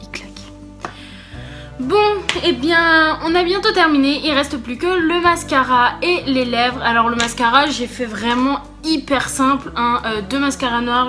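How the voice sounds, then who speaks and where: Her voice high-pitched, a woman beauty vlogger chats casually with her viewers through a makeup challenge, bubbly and getting excited easily.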